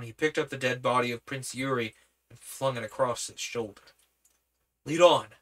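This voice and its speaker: A man's voice: mid-range voice, pushed and bright. A man reading an adventure story aloud as a narrator. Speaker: reader on a streamed book reading. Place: indoor room, seated at webcam.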